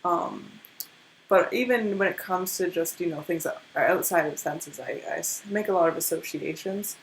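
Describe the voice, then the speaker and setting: A tired young woman who has barely slept, yawning, talks through a tarot reading casually and ramblingly, with a slight stutter and many restarts. Her voice is a bit low and moves at normal speed. The rough recording has a faint hiss behind her.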